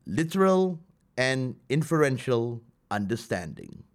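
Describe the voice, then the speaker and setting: A man reading formal listening test instructions and questions in a measured way. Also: mid-range voice, big pitch swings. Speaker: exam instructions reader.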